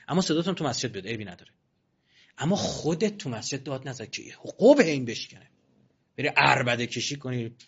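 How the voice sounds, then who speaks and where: A male preacher delivers a religious sermon in a colloquial, animated way, tossing in mocking asides. His voice is slightly high, and the recording is dull, muffled and lo-fi.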